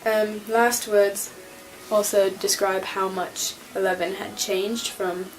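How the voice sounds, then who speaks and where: A woman's voice: medium pitch, fairly even intonation, slow, poor audio. A woman vlogger rambling casually through a fan rant, full of fillers and restarts.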